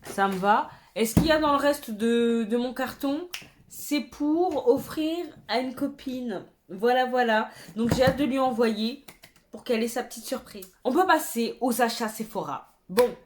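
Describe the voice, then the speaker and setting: Chatty, expressive French-speaking woman vlogger. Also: on the high side, measured pace, slight background noise. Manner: chatty, expressive, exclamatory asides. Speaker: beauty vlogger. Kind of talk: casual haul chat.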